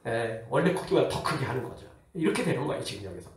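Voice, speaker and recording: A man who is a pastor, preaching a sermon in a lively way with rhetorical questions and acted-out voices. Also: medium pitch, fast talker, very echoey, recorded from a distance. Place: church hall.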